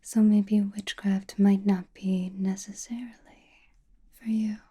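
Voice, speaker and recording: Whispering Scarlet Witch, played by a woman, soft and breathy. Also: medium pitch, level tone. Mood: teasing, probing. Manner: slow, intimate, knowing, gently teasing. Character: powerful witch, mysterious, teasing, soothing adult woman. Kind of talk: whispered ASMR roleplay.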